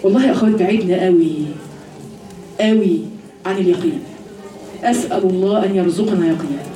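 A woman with an Egyptian Arabic accent giving a religious lesson to women, full of rhetorical questions and slowing down to recite verses. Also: medium pitch, noisy background. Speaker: religious teacher addressing women. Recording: roomy echo, voice from a distance.

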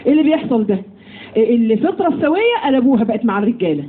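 A woman with an Egyptian accent giving a lively religious lesson to women, often putting questions to her listeners. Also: a little high, rapid-fire. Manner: lively, asks the audience questions. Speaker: religious teacher. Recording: tinny phone-like audio with faint noise.

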